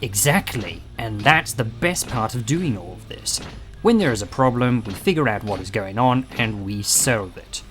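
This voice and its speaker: A man's voice: on the low side, animated, moderate pace, a bit bright, faint music behind. A man playing a confident, jovial, time-travelling adventurer in an audio drama, breezy and theatrical in his delivery. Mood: curious, confident.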